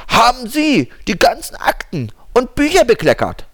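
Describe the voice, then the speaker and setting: A man's voice: very high voice, huge pitch swings, normal speed, pitched above the performer's own voice, exaggerated voice. A man voicing a fussy middle-aged lawyer buried in his files, in a puzzled, muttering manner, in a storybook. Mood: annoyed.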